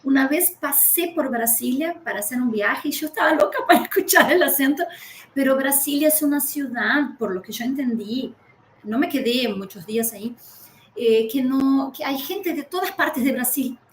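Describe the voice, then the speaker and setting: In this casual conversation, the Uruguayan language teacher sounds high-pitched and lively, talking at a normal speed in a reverberant space with a little background noise. Her Uruguayan Spanish accent comes through as she laughs frequently and jumps between subjects.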